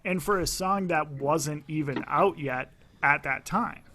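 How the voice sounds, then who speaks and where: Bright-voiced man hosting a podcast. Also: a little high, unhurried, slight background noise. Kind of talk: casual podcast chat.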